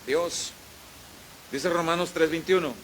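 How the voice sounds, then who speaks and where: A man with a Mexican accent, a pastor preaching a sermon in church, animated and storytelling, swinging between loud and quiet. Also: a little high, slow, a little hiss or hum, low-quality recording. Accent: Mexican Spanish.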